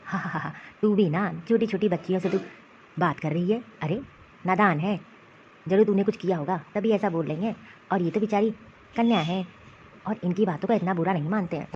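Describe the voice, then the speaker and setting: A woman's voice: lowish voice, fairly quick, muffled recording, a little hiss or hum, voice pushed down, close to an everyday voice. Woman doing a soothing old grandfather. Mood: placating. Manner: placating, calming. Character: elderly grandfather, mild and soothing. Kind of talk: cartoon voice acting.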